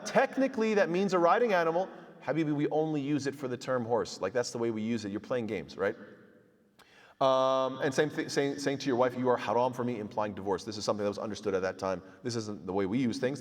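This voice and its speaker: A man's voice: on the low side, quick pace, big-room sound. A man teaching a casual Islamic law class, using Arabic terms, joking and acting out small exchanges between people. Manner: conversational, joking asides, acts out little dialogues. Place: mosque hall.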